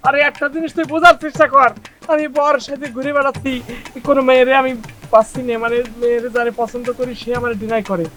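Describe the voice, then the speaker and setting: A man's voice: very high voice, flat delivery, fast, pushed and bright. A man playing a young village man, fretful and exasperated, with faint music behind. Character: short young village man unlucky in love. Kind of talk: comic village drama acting.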